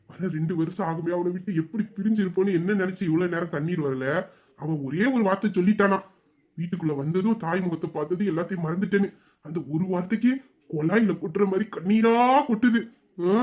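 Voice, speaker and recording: A man's voice: high voice, brisk, a little mellow, muffled recording. A man performing a comic sketch, full of sarcastic and grumbling asides.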